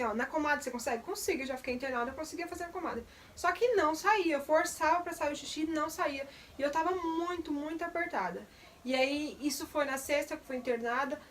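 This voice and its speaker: A woman's voice: sits high, distant mic, a little hiss or hum. A young woman, candidly recounting a personal testimony in detail. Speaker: vlogger. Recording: voice a bit off the mic.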